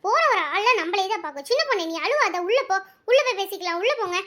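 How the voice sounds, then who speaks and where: A woman voicing a motherly neighbour who soothes and gently scolds a quarrelling family. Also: extremely high pitch, animated, fast talker. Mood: coaxing.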